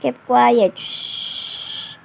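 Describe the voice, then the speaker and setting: A woman, a babysitter filming herself as she coos and hushes a toddler in soft baby talk that drifts into English. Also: on the high side, fairly even intonation, extremely slow, vocal fry, slight background noise. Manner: mixes English words into her talk. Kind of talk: vlog, talking to a toddler.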